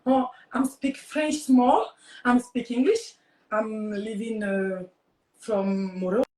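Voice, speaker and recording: A woman puts on a wealthy foreign businesswoman, high-voiced and flirtatious, who gropes for words in halting, broken English. It is recorded off-mic in a roomy space. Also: a little mellow, distant mic. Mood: flirty.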